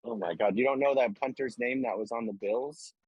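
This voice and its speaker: A man chatting casually on a podcast, halting and trailing off as he pitches ideas. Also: darkish tone, breathy edge, no echo, rough recording.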